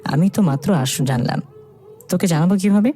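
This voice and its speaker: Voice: mid-range voice, brisk, dark tone, faint music behind, natural voice. A narrator voicing an exasperated young man worn out by his friends' squabbling. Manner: weary, exasperated.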